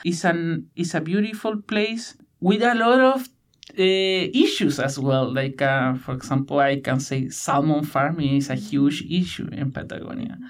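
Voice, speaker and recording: With a voice on the high side, a thirtysomething Chilean man answers interview questions as a guest. He's a PhD student, and his English comes out halting, full of fillers and restarts, with a Chilean Spanish accent.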